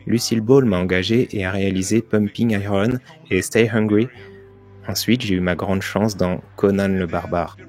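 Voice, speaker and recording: A man's voice: fairly low pitch, steady tone, normal speed, darkish tone, faint music behind. A man giving a dubbed first-person motivational talk, telling his story earnestly with emphatic turns. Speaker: voice-over narrator of a motivational speech.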